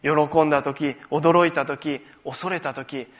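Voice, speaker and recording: Man preaching a gentle explanatory sermon. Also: a little high, steady tone, slow pace, dull audio. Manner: explanatory, leads congregation in scripture reading, gentle self-deprecating humor. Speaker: pastor.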